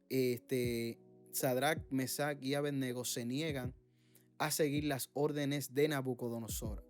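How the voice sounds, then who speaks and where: A man leading an informal Bible study, reading passages aloud and explaining them with frequent fillers and pauses. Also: medium pitch, darkish tone. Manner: reads scripture aloud, then explains it with many fillers.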